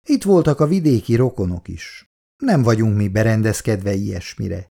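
A man voicing a worried, sighing middle-aged mother who frets over her grown children, raising his gravelly voice higher. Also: lively intonation, dark tone, full character voice. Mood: fretful. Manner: fretful, sighing.

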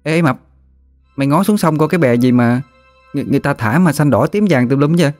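A man's voice: quick pace, a little mellow, no room sound, faint music behind, close to an everyday voice. Man doing a bold little village girl. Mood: curious. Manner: high, chatty, teasing. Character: bold ten-year-old village girl cowherd.

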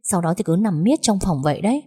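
A woman's voice: fairly low pitch, lively intonation, quick pace, mellow, breathy edge. A woman voicing a polite, deferential household maid in a narrated story. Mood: worried.

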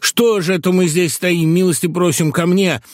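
Brief: man doing a jittery old man in an audiobook, high wailing voice, dry close sound. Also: fairly even intonation, moderate pace, no room sound, natural voice. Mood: fussy. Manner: wailing, fussy, exclaiming. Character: frightened, tearful old male monarchist. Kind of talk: audiobook character voice.

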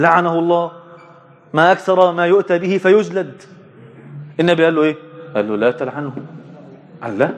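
A man with an Egyptian Arabic accent teaching a religious lesson, asking his listeners questions and answering them himself, stretching key words slowly for emphasis. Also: sits high.

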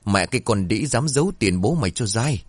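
A man's voice: on the low side, expressive, brisk, breathy edge, no echo. A man voicing a drunk, cursing, violent father. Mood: drunk angry. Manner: shouting, cursing, demanding. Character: drunk, violent middle-aged father, crude and bullying.

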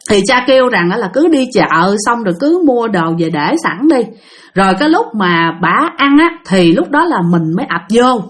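A woman's voice: fairly high pitch, sing-song, moderate pace. A woman telling a ghost story casually, talking straight to her listeners. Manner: chatty, addresses listeners directly.

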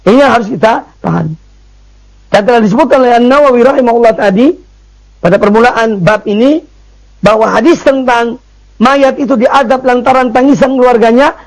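A man delivers a religious study lecture in a strikingly high voice. He speaks emphatically, repeats key phrases and sprinkles in short fillers between points. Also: rough recording. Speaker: Islamic preacher.

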